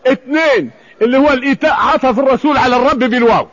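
A man's voice: extremely high pitch, very fast, fairly bright tone. A man preaching, telling an old story and explaining scripture, often restarting and repeating words. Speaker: Islamic preacher. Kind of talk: sermon storytelling with Quran commentary. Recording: dull lo-fi radio recording.

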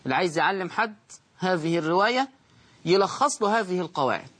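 A man with an Egyptian accent teaches Quran recitation, his voice slightly high and husky. He says words slowly and repeats them to demonstrate each pronunciation, moving between formal phrasing and relaxed colloquial explanation. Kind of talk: episode of a recitation lesson.

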